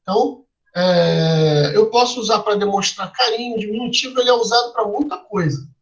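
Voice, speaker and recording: A man's voice: sits high, a little fast, dull audio. A male teacher explaining a lesson step by step to a class, asking them questions and tagging his lines with "né?" and "tá?". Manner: tags lines with "né?" and "tá?".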